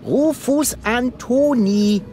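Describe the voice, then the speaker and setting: A man's voice: very high-pitched, extremely slow, a little mellow, a little hiss or hum, full character voice. An actor voicing a cocky, sarcastic young male game hero who talks in a cheeky, mocking way. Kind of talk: game voice acting.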